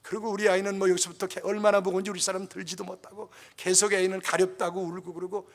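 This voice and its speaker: A man's voice: sits high, little pitch movement, quick pace. An older man, a pastor, preaching a sermon with passionate, emotional storytelling. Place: church. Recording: reverberant church hall.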